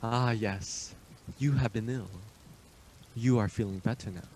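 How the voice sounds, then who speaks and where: An actor playing a suave, imperious Transylvanian vampire count in a radio play, speaking with formal, deliberate, ominous politeness. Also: male voice, mid-range voice, darkish tone, a little hiss or hum, close to an everyday voice. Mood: courteous, ominous.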